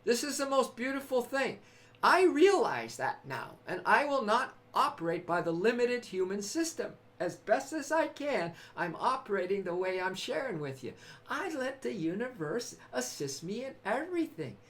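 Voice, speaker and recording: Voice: mid-range voice, big pitch swings, normal speed, a bit bright. A host from California giving a spiritual, motivational live-stream talk. The host laughs often, repeats phrases, and speaks to viewers by name.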